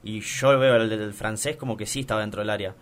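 Argentine man recounting a match, animated. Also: on the low side, fast talker. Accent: Argentine Spanish. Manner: animated storytelling with many restarts. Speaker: guest recounting attending a football final. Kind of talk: casual chat.

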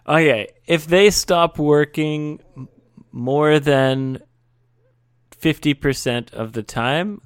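A native English-speaking man co-hosting a casual chat, teasing his partner in slow, deliberate phrases. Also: a little high, smooth, no echo. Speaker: podcast co-host.

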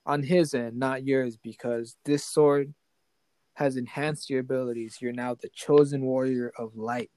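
A man's voice: medium pitch, steady tone, unhurried, warm tone, no room sound. A man improvising a fantasy story as game master. He talks casually and keeps checking in with the player.

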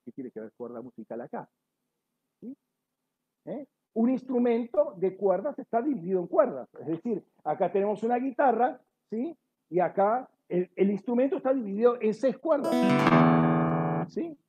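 A man's voice: very high-pitched, expressive, moderate pace, husky, faint music behind. A man teaching a sermon, explaining words one by one, correcting himself often and checking with his listeners. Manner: frequent self-corrections and apologies. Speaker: Bible teacher. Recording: tinny phone-like audio.

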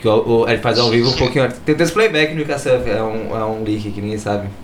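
A man's voice: medium pitch, fast, echoey room, crowd noise. A man with a Brazilian Northeastern accent chatting casually in slangy, playful banter. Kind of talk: casual chat. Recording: noisy, clearly audible background noise.

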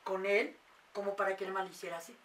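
A woman, a mother telling a paranormal story in casual, animated talk. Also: mid-range voice, fast talker, recorded from a distance, slight background noise. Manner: animated, acts out quoted voices.

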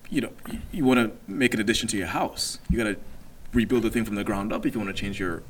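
Young male, slightly deep, informal explainer, slangy chat, a little off-mic. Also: fast. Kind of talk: casual chat, discussion among friends. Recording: distant mic, faint room noise.

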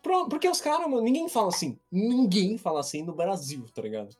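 A young man with a Brazilian accent chatting casually in an animated, slangy way, telling stories and slipping into mock speeches. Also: sits high, fast, faint music behind. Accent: Brazilian Portuguese. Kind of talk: casual chat.

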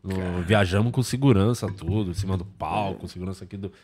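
A man's voice: sits low, fairly quick, darkish tone. A man with a Brazilian accent chatting casually on a podcast, dropping wry, teasing remarks. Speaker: comedian.

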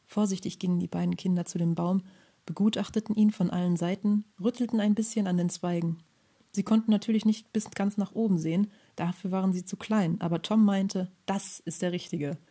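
A woman calmly reading a children's Christmas story aloud in a gentle storybook manner, with a husky voice. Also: mid-range voice, a little fast.

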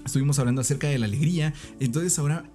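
Podcast host guy, calm and earnest, warm mellow voice, bit of music underneath. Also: fairly high pitch, racing. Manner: calm, earnest, reads scripture aloud.

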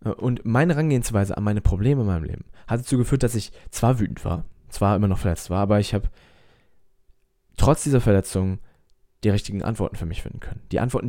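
A man's voice: on the low side, dark tone, dry recording, studio quality. A man speaking as a self-help coach with an American-tinged accent in his German, giving an emphatic, repetitive motivational talk straight to the listener. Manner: emphatic, repeats himself, direct address.

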